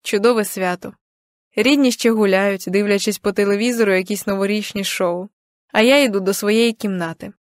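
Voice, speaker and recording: A woman's voice: mid-range voice, steady tone, moderate pace, dry recording, clean studio sound. Young woman narrating an audiobook. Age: young adult. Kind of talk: first-person audiobook narration.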